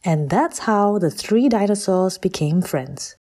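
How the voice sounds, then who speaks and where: Slow, mellow woman reading a children's story. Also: medium pitch, lively intonation, slightly rough.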